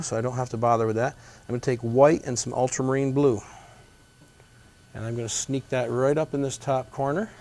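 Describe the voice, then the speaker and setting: A man gives a painting demonstration as a gentle instructor. His voice sits at a medium pitch, and he explains each step in an easygoing, folksy manner.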